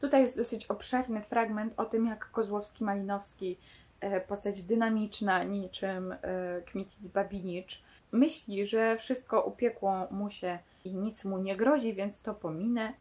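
A woman book vlogger who compares a novel with its screen adaptation in a chatty way. She often hesitates and restarts, and her voice sits at a medium pitch. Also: steady tone, a little slow, darkish tone. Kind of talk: casual book-versus-film discussion.

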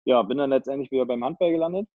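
In rapid-fire speech and a mid-range voice, a young northern German handball player from around Kiel talks casually as an interview guest over a video call on earbuds, hesitating with fillers and restarts as he thinks. The recording is dry, with narrow, tinny audio.

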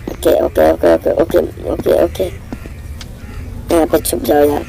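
A young man, hoarse from a cold, giving jittery live commentary on a horror game, repeating words in quick bursts. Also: a little high, mellow, slight background noise, poor audio. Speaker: gaming channel host.

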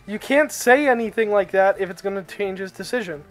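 Brief: young male friend, high voice, deadpan teasing. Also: brisk, faint music behind. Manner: dry, teasing banter. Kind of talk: casual gaming chat.

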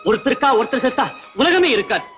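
A man's voice: very high voice, lively intonation, fast talker, a bit bright. An actor playing a kind young man who earnestly comforts a grieving orphan in an old Tamil film melodrama. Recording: dull old film soundtrack with music.

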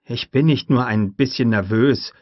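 A man's voice: normal speed, dry recording, natural voice. Nervous lawyer, panicky and protesting, read by a male narrator, dull lo-fi sound. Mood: anxious. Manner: anxious, high-pitched protesting. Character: jittery, frightened male lawyer. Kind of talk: audiobook character voice.

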